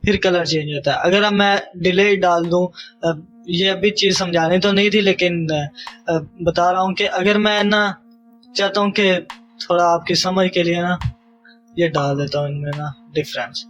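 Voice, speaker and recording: A young man with a Pakistani Urdu accent leads a screen-recorded coding lesson. His voice sits fairly high and he goes step by step, dropping in English technical terms and stopping to check understanding. Faint music plays under the narration. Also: steady tone, a bit bright, lo-fi sound. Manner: explanatory, repeats "theek hai?" to check understanding, mixes English coding terms. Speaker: programming teacher.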